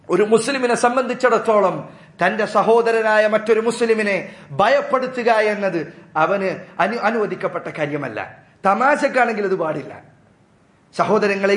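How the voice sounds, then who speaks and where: A man's voice: sits high, fairly bright tone, echoey room. A male Islamic preacher giving an earnest, admonishing sermon and addressing his listeners as brothers.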